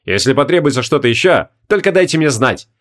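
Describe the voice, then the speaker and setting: A man voicing a calm, courteous middle-aged king who speaks in a measured, formal way. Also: medium pitch.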